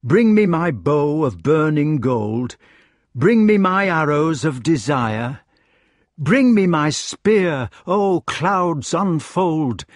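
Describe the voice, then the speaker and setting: A humble little storybook hedgehog with a broad West Country rustic burr, as a male narrator puts him on. He talks shyly and earnestly, his voice swooping high and low. The sound is close and dry. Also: dry recording. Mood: proud declaiming. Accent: West Country rustic dialect. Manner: broad countrified speech, shy and eager.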